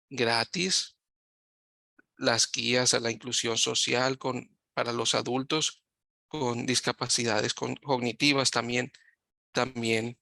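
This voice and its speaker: A man giving live Spanish interpretation of a webinar over a video call, talking in halting phrases and often correcting himself mid-sentence. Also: mid-range voice, creaky, sharp tone, no echo, studio quality. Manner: halting, with frequent self-corrections.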